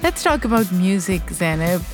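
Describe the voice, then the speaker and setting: A woman's voice: fairly low pitch, big pitch swings, normal speed, over loud music. A woman hosting a podcast interview, eager and asking friendly questions. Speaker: podcast host.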